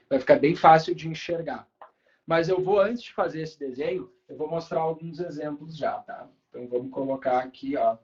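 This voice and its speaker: A male teacher with a Brazilian Portuguese accent, giving a grammar lesson at a board, drawing out key words slowly and often checking in with the students. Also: a little high, lo-fi sound.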